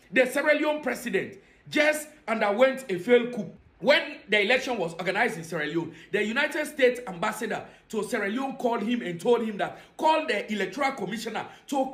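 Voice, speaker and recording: High-pitched West African man, emphatic political commentary. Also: a bit bright. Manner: emphatic, insistent, repeats phrases for rhetorical effect. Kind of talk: impassioned political commentary to an audience. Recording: echoey, reverberant room.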